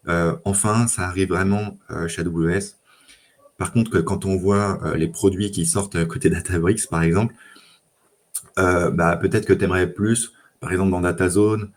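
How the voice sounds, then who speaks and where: A man speaking in casual tech chat as a data engineer guest, relaxed, with lots of fillers and restarts. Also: deep voice.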